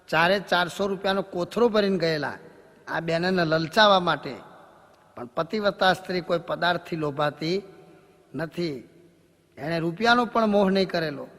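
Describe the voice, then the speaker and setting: Bright-voiced devotional male storyteller. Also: high-pitched, in a large hall. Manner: preachy, jokey, animated storytelling.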